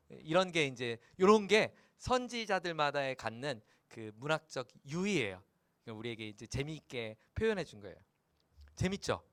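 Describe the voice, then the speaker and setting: A male pastor preaching a sermon in a playful, animated way, slipping into character voices. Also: mid-range voice, no room sound.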